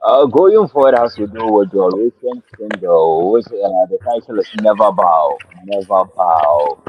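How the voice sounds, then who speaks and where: A man puts questions to a guest, winding through long sentences broken by "uh". His voice is low and the sound is dull and lo-fi. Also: lively intonation, unhurried. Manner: long rambling questions with "uh" fillers. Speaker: co-host interviewer. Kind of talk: radio interview questions.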